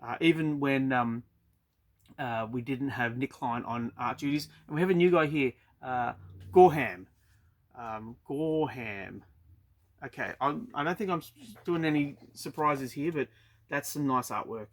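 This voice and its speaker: An Australian man with a mid-range, slightly slow voice chats casually from a storage unit about the comics he buys each week. He's a comic book collector vlogger giving a relaxed review, and he sounds hesitant, filling his talk with lots of ums and uhs.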